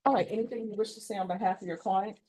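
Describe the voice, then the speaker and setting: Courtroom recording: a woman judge with a mellow, dark voice and a brisk, formal delivery. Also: medium pitch, fairly even intonation, a little hiss or hum. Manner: brisk, formal, reads set questions. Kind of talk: formal plea admonishments.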